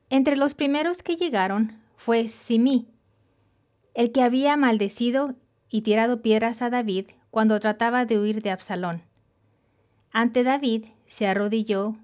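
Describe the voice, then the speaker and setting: Female narrator, Bible storytelling, steady and fairly high-pitched.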